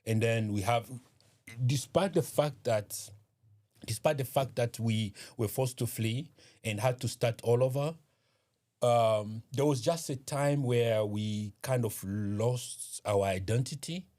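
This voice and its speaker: A man from eastern Congo, speaking as a guest in an interview, measured and hesitant with many pauses and fillers. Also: mid-range voice, darkish tone. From Eastern Democratic Republic of Congo. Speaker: guest, community organization founder. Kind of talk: interview conversation.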